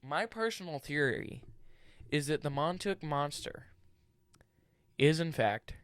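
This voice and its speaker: A man's voice: fairly high pitch, lively intonation, slow, fairly bright tone, dry recording. A young man co-hosting a casual podcast, joking playfully and throwing in goofy asides. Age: young adult. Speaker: podcast co-host.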